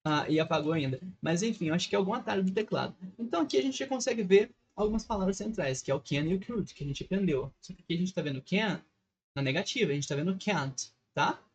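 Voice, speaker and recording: A man's voice: sits high, expressive, fast, breathy edge. Brazilian man teaching patiently. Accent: Brazilian Portuguese. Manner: patient, checks in constantly with short tag questions. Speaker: English teacher. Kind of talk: screen-recorded lesson explanation.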